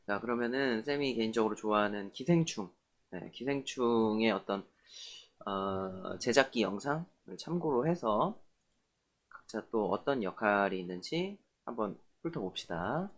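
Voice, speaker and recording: A man teaching an online lesson about film crews, in a friendly, chatty way with fillers. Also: medium pitch. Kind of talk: online film class lecture.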